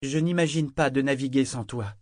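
A man voicing a living ship's figurehead, a proud female spirit who speaks in a low, bitter tone. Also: moderate pace, darkish tone, no room sound, clean studio sound, lightly acted. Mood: wistful. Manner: low and bitter, sometimes suave.

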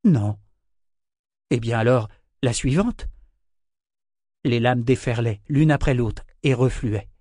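A man's voice: mid-range voice, animated, warm tone, dry recording. Man narrating a story, dry sound. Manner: measured, storytelling. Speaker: audiobook narrator. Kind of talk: scripted narration.

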